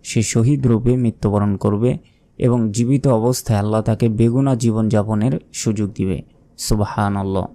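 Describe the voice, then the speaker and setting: A man with a Bangladeshi Bengali accent teaching a Quran recitation lesson, explaining pronunciation and chanting verses slowly. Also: fairly low pitch, dark tone.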